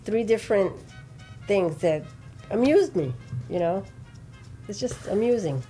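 A woman co-hosting a casual podcast, talking in a lively, blunt way with profanity and laughing easily. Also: mid-range voice, a little slow, faint music behind. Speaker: podcast co-host.

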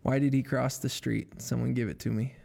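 A man's voice: mid-range voice, steady tone, a little fast, gravelly, mellow. A man hosting a live stream in a casual, chatty way, greeting viewers and humming while he sets things up. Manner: upbeat, chatty, hums filler tunes while setting up. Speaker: livestream host.

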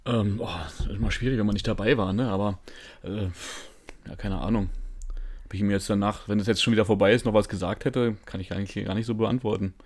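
A low-voiced man talks quickly in a casual chat. He answers hesitantly and thinks out loud. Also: steady tone. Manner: hesitant, thinking aloud with fillers. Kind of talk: casual conversation.

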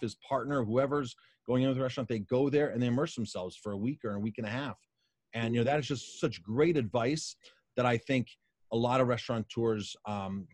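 A man's voice: mid-range voice, a little mellow, no echo. A middle-aged American man hosting a casual interview in a wordy, effusive conversational way. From Colorado, United States. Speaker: interview host.

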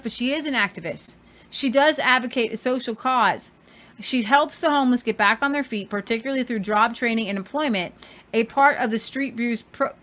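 A woman's voice: a little high, bright, forceful tone. A woman hosting a podcast, giving casual commentary on viral videos. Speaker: podcast host.

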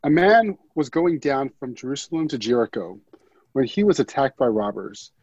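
Mellow, husky man, muffled sound. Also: mid-range voice, big pitch swings, normal speed, no echo. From Baltimore, Maryland. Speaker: panel guest. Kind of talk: scripture reading and casual chat.

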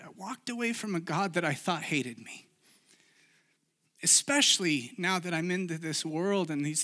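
A man's voice: sits high, pushed and bright. A man who grew up in Chile, preaching a sermon and sharing his own story in an earnest, confessional way with frequent restarts. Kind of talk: sermon with personal testimony.

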